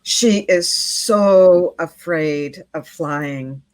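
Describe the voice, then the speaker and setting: Middle-aged woman guest, low and slow-paced, earnest storyteller, dry close mic. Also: no echo. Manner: earnest, repeats words while telling a story. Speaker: interview guest, midwife. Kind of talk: storytelling in a podcast interview.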